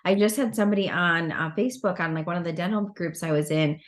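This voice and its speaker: A woman's voice: lowish voice, quick pace. A middle-aged American woman from the Midwest, hosting a casual interview over a video call. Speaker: host. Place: indoor room at home or office.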